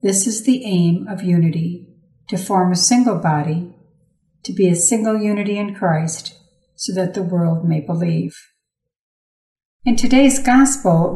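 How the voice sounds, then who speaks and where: A woman reading a Gospel passage and its commentary aloud in a measured, solemn way. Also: fairly low pitch, warm tone. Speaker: scripture reader. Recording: roomy echo.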